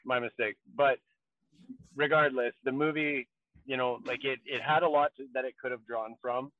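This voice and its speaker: Male podcast co-host, casual and rambling, mid-pitched, recorded over a thin phone-like line. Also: fairly even intonation, normal speed. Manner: rambling, heavy on fillers like "you know". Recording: tinny, dry call audio.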